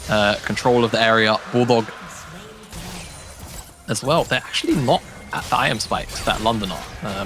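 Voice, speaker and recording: A man casting an esports match at a studio desk, talking fast and laughing often between calls. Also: medium pitch, sharp tone. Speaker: esports caster. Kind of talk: play-by-play commentary and banter. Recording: faint music behind.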